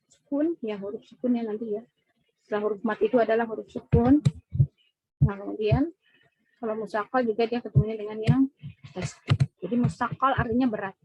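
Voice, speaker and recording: A woman with a slightly high, husky voice gives a patient Quran reading lesson. She repeats each point and keeps checking that her students follow. The recording is dull and dry. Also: no room sound. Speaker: Quran recitation teacher. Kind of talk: classroom tajwid lesson. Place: mosque classroom.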